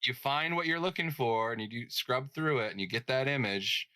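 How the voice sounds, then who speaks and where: A man's voice: medium pitch, expressive, moderate pace, pushed and bright, smooth, dry recording. A man co-hosting a podcast in a rambling, playful casual chat, full of filler words. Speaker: podcast co-host.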